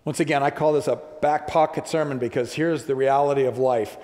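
A man's voice: medium pitch, steady tone, brisk, a little mellow. Man preaching in a reverberant church. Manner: preaching with rising emphatic repetitions. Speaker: pastor. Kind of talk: sermon. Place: church sanctuary. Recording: long church hall reverb.

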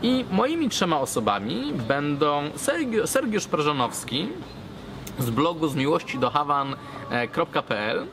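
A man in his thirties from Poland talks casually to camera as a vlogger, with a hesitant, halting delivery, recorded outdoors. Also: a little high. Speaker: cigar blogger, vlogger. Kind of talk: casual vlog talk to camera. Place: outdoors at a garden table by a brick wall. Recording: clear outdoor urban background noise.

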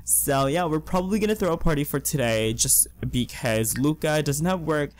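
A hoarse young man chatting excitedly through casual gameplay commentary as a let's play host. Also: on the high side, normal speed. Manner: chatty and excitable, gushing with slang. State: hoarse, losing his voice.

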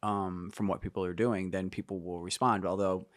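Low-voiced man musing in an interview. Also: flat delivery, normal speed, dry recording, clean studio sound. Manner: reflective and meandering, many fillers and restarts. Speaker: guest musician. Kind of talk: casual interview conversation.

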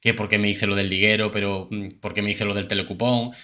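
A man's voice: lowish voice, flat delivery, fast talker, pushed and bright. A man giving chatty, opinionated commentary on reality TV clips as host.

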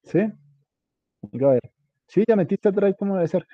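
A man walks a student through a task, casual and hands-on, spelling out every detail. His voice sits a bit high. The sound is dull and lo-fi, close and dry. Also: lively intonation, normal speed, dry recording. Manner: informal, coaching, spells out details. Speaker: instructor. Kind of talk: guiding a student through a web page setup.

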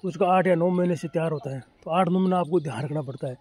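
Husky and a little high with a darkish tone, this poultry farmer from Rajasthan speaks at a quick pace in a casual explainer vlog. Out on his open farm, he talks plainly and repetitively straight to viewers, chickens clucking against faint noise.

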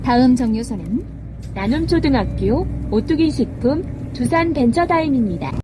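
A woman with a high, animated voice reads scripted public transit announcements of bus stops at a moderate pace, enunciating each word formally and carefully. It comes through speakers in a moving bus cabin, captured in a noisy recording full of loud road and vehicle sound.

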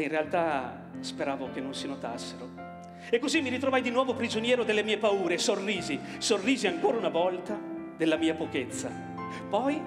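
A middle-aged man with a fairly high voice tells a heartfelt story from a theatre stage, pausing and restarting as he goes. His words ring out in a long hall reverb over live music. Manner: tender, halting, with small restarts. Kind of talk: monologue with musical accompaniment.

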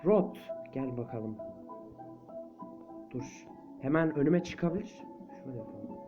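A man giving casual let's play commentary on a horror game, jumpy and quick to shriek and chant when chased. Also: medium pitch, animated, highs cut off, music in the background. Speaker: gameplay commentator.

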